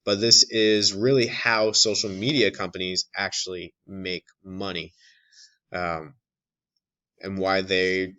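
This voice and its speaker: Bright-voiced male instructor lecturing. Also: deep voice, steady tone, slow pace, dull audio. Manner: explanatory, many restarts and fillers. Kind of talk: recorded lecture.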